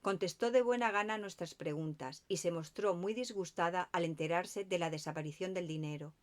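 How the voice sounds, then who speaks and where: A woman reading a mystery novel aloud as audiobook narration, calm and measured. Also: fairly low pitch. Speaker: audiobook reader.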